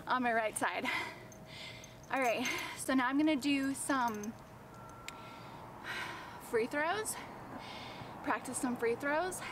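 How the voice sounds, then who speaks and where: A woman chatting casually as a vlogger, narrating her own workout on an outdoor basketball court and now and then short of breath. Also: on the high side. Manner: sometimes short of breath from exercise. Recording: distant mic, noisy outdoor ambience.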